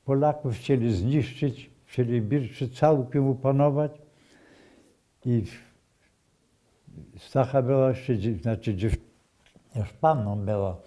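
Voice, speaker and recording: An older man speaking in a recalls what he witnessed. He talks slowly and haltingly, in a very dark, mellow voice. He often breaks off, restarts and repeats phrases. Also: medium pitch. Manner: slow, halting storytelling with restarts and repetitions. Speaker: eyewitness. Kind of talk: oral history testimony.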